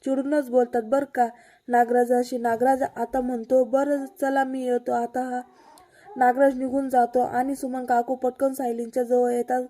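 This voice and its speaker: A woman recapping a TV serial episode in a chatty, casual way, talking straight to her viewers. Her voice is high-pitched and level, with little rise and fall. The tone is dark and mellow. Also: flat delivery, moderate pace. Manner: chatty, addresses viewers directly.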